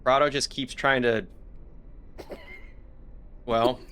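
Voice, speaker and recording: A man's voice: medium pitch, steady tone, slow pace, pushed and bright, clear, resonant tone. A man streaming a game with friends, joking around in casual, playful banter. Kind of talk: casual gaming chat.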